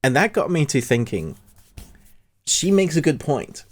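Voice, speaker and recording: A man's voice: fairly high pitch, very animated, unhurried. A man hosting a podcast in casual chat, upbeat and laughing a lot. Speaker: podcast host.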